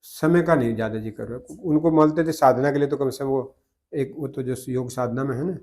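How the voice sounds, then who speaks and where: Older man reminiscing in measured tones. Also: medium pitch, a little mellow. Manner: measured and reflective, with frequent self-corrections. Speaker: interview guest. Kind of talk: reminiscing conversation.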